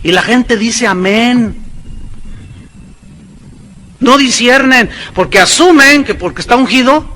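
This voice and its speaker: A man preaching a sermon as a pastor, with sarcastic asides and quick mimicking voices. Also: very high voice, pushed and bright, slight background noise, rough recording.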